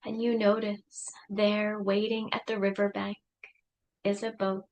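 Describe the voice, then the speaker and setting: Lady doing a guided meditation, super slow and soft, calm soothing voice. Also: mid-range voice, dull audio.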